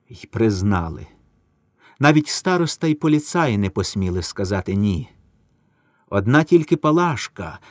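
A man giving a solemn, measured literary reading of a wartime story. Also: lowish voice, no echo, clean studio sound. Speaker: narrator.

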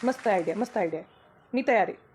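A woman's voice: medium pitch, expressive, fast, darkish tone, slight background noise, close to an everyday voice. A woman voicing an eager, agreeable village woman in a cartoon.

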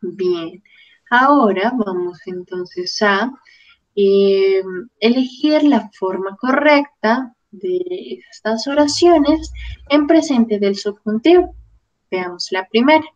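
A woman's voice: fairly high pitch, expressive, takes it slowly, dull audio. A woman teaching a grammar lesson, carefully drilling verb forms one by one. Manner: careful, drilling word lists. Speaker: Spanish teacher.

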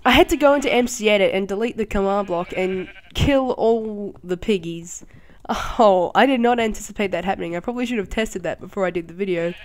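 Excitable chatty game tutorial host. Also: mid-range voice. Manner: excitable, quick to laugh and exclaim; chatty, rambling with fillers. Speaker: channel host. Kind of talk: casual game tutorial commentary.

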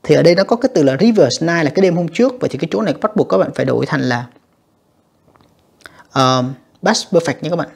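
Teacher, breathy kinda raspy voice, explains slow and repeats a lot, reads english words carefully. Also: medium pitch, lively intonation. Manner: patient, repetitive explaining with frequent tag particles. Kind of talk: exam review lesson.

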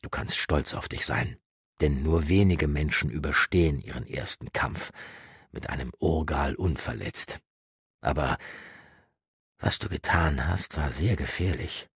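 A man voicing a gruff, guarded older male mentor in an audiobook, speaking in a grave, lecturing way with a husky voice. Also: extremely low pitch, measured pace, a bit bright, no room sound, clean studio sound, heavily acted. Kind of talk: audiobook character reading.

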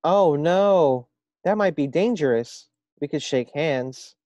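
A man's voice: medium pitch, unhurried, a little mellow, no echo, close to an everyday voice. A man reading a picture book aloud, voicing a fussy, bossy little male frog who refuses to become a prince.

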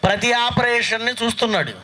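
Bright-voiced pastor scolding his flock. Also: extremely high pitch, fairly quick, rough recording. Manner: emphatic, scolding rhetorical questions. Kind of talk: sermon.

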